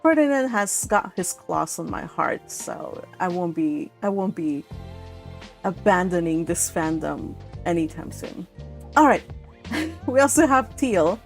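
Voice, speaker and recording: A woman hosts a read-along stream, chatting casually with participants, rambling and laughing often. Her voice is lowish with big pitch swings and a slightly slow pace, with faint music in the background.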